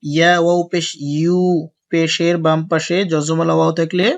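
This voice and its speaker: A man teaching a spelling-out Quran lesson, mixing slow drawn-out recitation with brisk explanation. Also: fairly high pitch, little pitch movement, creaky, lo-fi sound. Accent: Bangladeshi Bengali.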